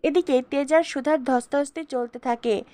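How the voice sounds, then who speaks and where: Woman narrator, high voice, steady scripted recap, dry recording. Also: moderate pace, no echo.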